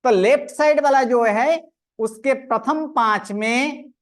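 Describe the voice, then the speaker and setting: A woman's voice: high-pitched, takes it slowly. A woman teaching a grammar lecture, methodically counting aloud and drilling each sound one by one. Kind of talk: online lecture.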